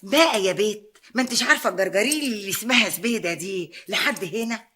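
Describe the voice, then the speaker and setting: A woman's voice: mid-range voice, fast talker, sharp tone, breathy edge. An actress with an Egyptian Arabic accent playing a scheming folk-magic woman who talks in a theatrical, cajoling way in a TV drama. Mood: cajoling, sly. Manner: theatrical, cajoling, invokes spirits. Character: scheming folk-magic woman, middle-aged female fixer. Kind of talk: TV drama acting.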